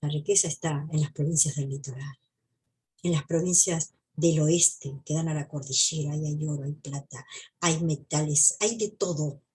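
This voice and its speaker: A history video presenter from Buenos Aires province, Argentina, offers informal commentary to her viewers with that region's Argentine accent. Her voice is low for a woman, husky and rough-grained with a darkish tone, and her intonation stays fairly even at a normal speed. Reflective and emphatic, she circles back on phrases to give them weight, though the audio quality is poor.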